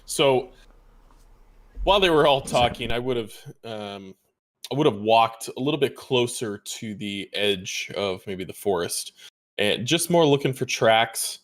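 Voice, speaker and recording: Man, mid-pitched, casual tabletop player. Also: animated, measured pace. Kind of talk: tabletop game role-play.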